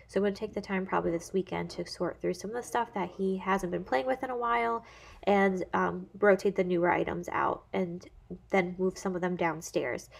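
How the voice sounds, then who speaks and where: This is a woman in her thirties, a home vlogger with a lowish, creaky voice. She chats casually and relaxedly, sprinkling in plenty of "like" and "honestly."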